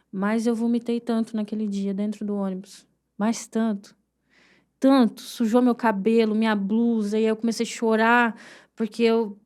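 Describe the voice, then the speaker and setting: A young Brazilian woman giving an emotional personal testimony as a podcast guest, telling her story in an earnest, halting way with pauses and repetitions. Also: a little high, darkish tone, clear, resonant tone. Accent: Brazilian Portuguese. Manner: vivid, heartfelt retelling of painful memories.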